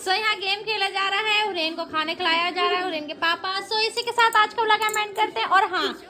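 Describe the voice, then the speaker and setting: A woman's voice: very high-pitched, brisk, bright, forceful tone. A woman hosting a casual family vlog, chatty and teasing, talking straight to her viewers while filming on a handheld phone. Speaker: family vlogger.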